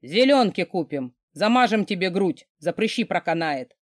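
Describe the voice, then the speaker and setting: A woman's voice: lowish voice, animated, moderate pace, no echo, studio quality. A woman voicing an overbearing wealthy man, a huge mocking boss who barks orders. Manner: gruff, barking, mocking orders.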